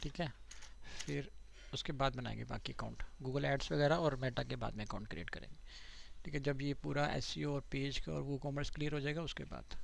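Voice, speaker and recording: Man teaching, gravelly voice. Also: mid-range voice, normal speed, slight background noise. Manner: conversational, repeats "theek hai" to check students follow. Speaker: digital marketing trainer. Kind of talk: live online class teaching.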